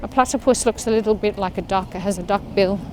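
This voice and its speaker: An Australian woman talks her listeners through a walk in a casual, chatty way, sounding like she is moving outdoors. Her voice sits at an ordinary middle pitch, with faint outdoor sound in the background. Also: quick pace, darkish tone, slight background noise. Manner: chatty, talking while walking outdoors. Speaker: fitness vlogger leading a walk. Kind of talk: casual walk-along chat. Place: outdoor park path.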